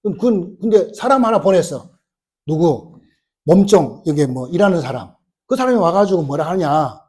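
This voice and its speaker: A man's voice: on the high side, expressive, moderate pace, a little mellow, husky. A male pastor preaching a sermon, telling a story with many rhetorical questions and acting out the quoted lines. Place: church sanctuary.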